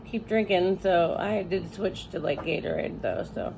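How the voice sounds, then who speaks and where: Weak, tired woman with a creaky voice. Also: lowish voice, background noise. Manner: weak, tired, halting after surgery. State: tired, recovering from surgery. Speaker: patient vlogger recovering from surgery. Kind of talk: casual chat to camera. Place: hospital room.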